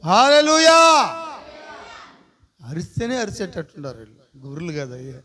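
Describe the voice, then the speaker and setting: High voiced pastor guy preaching sunday service, lots of hallelujah and goofy sheep bleats, back and forth with the crowd. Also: normal speed. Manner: call-and-response preaching with frequent hallelujahs; playful, bleats like a sheep to the congregation. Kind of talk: sermon. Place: church service.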